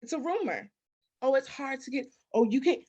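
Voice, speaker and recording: Her voice is high-pitched and warm, with lively intonation and a moderate pace. She's an interview guest, a business consultant and grant expert, speaking emphatically in a conversational interview, acting out bits of dialogue and rapidly posing rhetorical questions.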